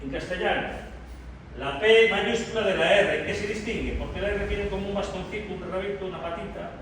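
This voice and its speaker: A high-voiced man from preaches to his congregation, drawing out key phrases for emphasis and calling them brothers. His voice rings through a very echoey church hall. The mic sits well away from him, with a faint hiss behind. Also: fairly quick, distant mic. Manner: addresses the congregation directly as brothers. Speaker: pastor. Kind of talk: expository sermon.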